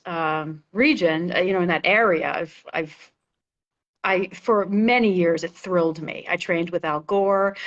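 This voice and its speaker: Enthusiastic middle-aged woman on a lo-fi call. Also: medium pitch. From Massachusetts, USA. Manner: enthusiastic, laughs often, many fillers and restarts. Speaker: guest, marketing agency owner. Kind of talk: live video interview. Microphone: video call.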